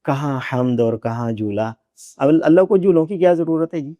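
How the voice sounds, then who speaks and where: A man who teaches Quran recitation, explaining pronunciation patiently on a podcast and demonstrating each sound by repeating it slowly. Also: fairly high pitch, lively intonation, mellow, no echo. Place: podcast studio.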